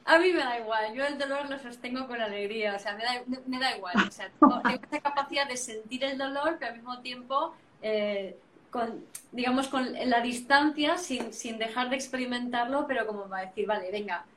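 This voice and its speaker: Woman, guest therapist, animated, repeats phrases, echoey room. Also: fairly high pitch, a little fast, a little hiss or hum. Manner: animated, repetitive phrasing, frequent tag questions. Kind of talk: reflective conversational explanation. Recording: roomy sound, distant from mic.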